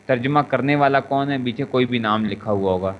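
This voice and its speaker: A man with a Pakistani Urdu accent teaches grammar in an online class, repeating each word and conjugation slowly. His voice comes through a dull, lo-fi chat connection with a faint hiss behind it. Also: mid-range voice. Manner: repetitive, drilling word pronunciations and conjugations. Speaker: teacher of Arabic morphology. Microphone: internet voice chat room.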